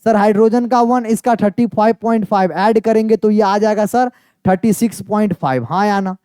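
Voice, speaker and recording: A man's voice: sits high, steady tone, a little fast, mellow, smooth, dry recording, studio quality. A man teaching chemistry in a chatty, teasing exam-prep lecture, often asking his students yes or no. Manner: playful, teasing, asks students yes or no again and again.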